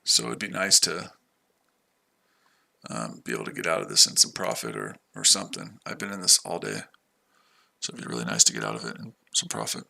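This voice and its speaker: His voice rumbles low, swinging widely in pitch, a little fast, creaky and sharp-toned. He's an American livestream trader from the United States, rambling casually, repeating himself and chatting with viewers as he trades.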